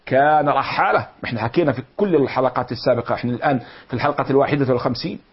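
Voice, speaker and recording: Male teacher, middle-aged, husky, slow explainer, dull lo-fi recording. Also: medium pitch. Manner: explains slowly, repeating and glossing words. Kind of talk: lecture explaining classical poetry.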